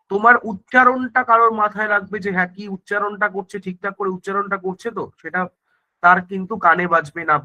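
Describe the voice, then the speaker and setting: High, bright-voiced teacher. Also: male voice, poor audio. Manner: explanatory, keeps checking understanding with tag questions; frequent self-corrections and restarts. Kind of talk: online exam-prep grammar lesson.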